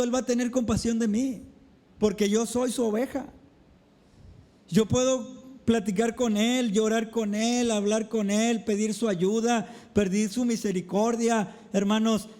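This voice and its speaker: High-voiced preacher, slow and emphatic. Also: male voice, dark tone. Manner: preaching with repeated address to the brethren; slow, emphatic delivery with dramatic drops. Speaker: pastor. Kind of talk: sermon. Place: church.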